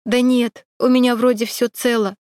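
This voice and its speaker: Tearful young woman after an assault, sobbing and high, read by a woman narrator. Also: flat delivery, moderate pace, darkish tone, no echo, clean studio sound, close to an everyday voice.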